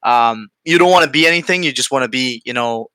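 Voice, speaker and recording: A man with an Aruban accent hosting a casual conversation, often halting to search for words and leaning on "you know". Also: medium pitch, pushed and bright, smooth, dry recording. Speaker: podcast host.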